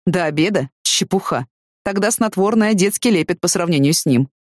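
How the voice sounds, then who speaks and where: A woman voicing a calm, seriously ill young man who speaks quietly and matter-of-factly, staying close to her own low reading voice. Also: no room sound. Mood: sleepy teasing. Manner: quiet, matter-of-fact, unhurried.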